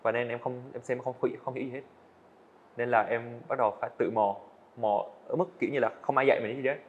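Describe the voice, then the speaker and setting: In muffled, dull lo-fi podcast audio from an indoor studio, an eighteen-year-old man talks fast and earnestly at a medium pitch with a steady tone. He's a guest animator telling his story in an interview, candid and given to hesitant restarts.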